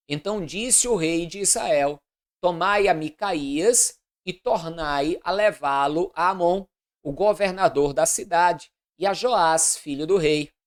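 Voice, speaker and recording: Woman, slightly low voice, steady deliberate scripture reading with commentary. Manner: measured, deliberate reading aloud. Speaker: Bible reader.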